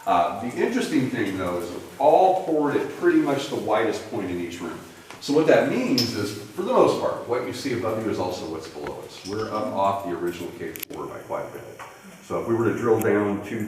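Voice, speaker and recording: A man's voice: lowish voice, animated, fairly quick, a little mellow. A man working as a cave tour guide, giving informal, folksy commentary and joking with his group inside a cave. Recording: echoing cave, far mic, noisy.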